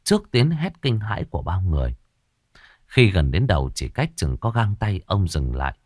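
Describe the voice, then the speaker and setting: A man narrating a ghost story in the first person, with lively storytelling. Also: sits low, moderate pace, dry recording, clean studio sound.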